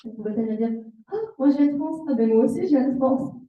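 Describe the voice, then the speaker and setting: A woman with a high-sitting voice provides consecutive interpretation of a seminar talk, working phrase by phrase at a quick pace. She echoes the speaker's examples expressively and sometimes corrects herself, recorded with a roomy, slightly dull sound.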